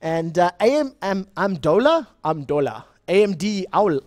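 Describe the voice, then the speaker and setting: This esports shoutcaster is a young man with a South African accent whose voice sits high and sounds darkish and very animated, at a normal speed. He rambles chattily while casting a live online game, correcting himself and welcoming chat viewers, in a dry recording.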